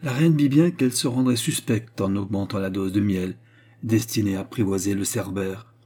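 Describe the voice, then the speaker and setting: A man narrating a classic novel as an audiobook in measured, even storytelling. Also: lowish voice.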